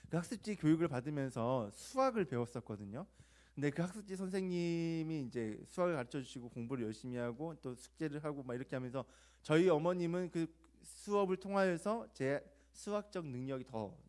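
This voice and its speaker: Young guy preaching to teens, slightly high voice, chatty storytelling, throws in loud acted-out quotes. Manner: conversational, confessional storytelling with rhetorical questions; acts out quoted voices with sudden loud outbursts. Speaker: youth pastor. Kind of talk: sermon to teenagers.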